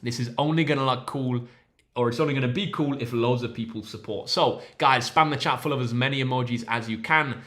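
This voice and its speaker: A man's voice: medium pitch, fairly quick, a bit bright. A young man, a maths tutor hosting a casual livestream, upbeat and encouraging as he reads out viewers' names from the chat.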